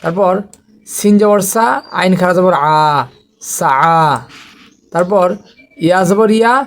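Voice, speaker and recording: Male teacher, higher voice, patient, methodical recitation drills. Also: steady tone. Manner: slow, patient, repeats letter drills. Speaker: Quran reading teacher. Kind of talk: online recitation lesson.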